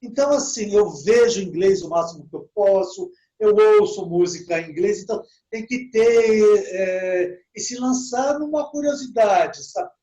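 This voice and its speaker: A man teaching English to Portuguese speakers in a relaxed online talk, often adding "né?" and slowing down to model English words. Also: sits high, lo-fi sound.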